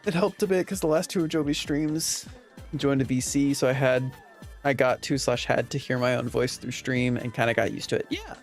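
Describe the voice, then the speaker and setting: Speaking at a moderate pace with a steady tone and medium pitch, a man runs a livestream and replies to his audience in a chatty, meandering way. Gentle music sits in the background.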